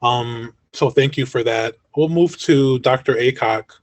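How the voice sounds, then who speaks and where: A man's voice: mid-range voice, a little slow, dry recording. A man moderating a video-call panel discussion, talking in a reflective, affirming way.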